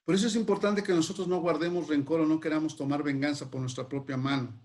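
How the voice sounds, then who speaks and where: A man preaching a sermon, slowly explaining names of God and then leading a prayer. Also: on the high side, steady tone, darkish tone. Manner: slow and deliberate, lingering over names.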